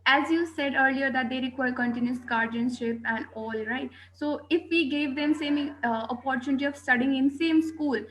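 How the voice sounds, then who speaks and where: A woman with a high voice asks a question over a video call. She searches for her words as she goes, leaning on fillers. A faint hiss sits under her voice. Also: fairly even intonation, normal speed, hardly any pauses, low-quality recording. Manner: hesitant, many "you know" fillers. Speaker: audience questioner. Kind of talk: asking a question in a webinar.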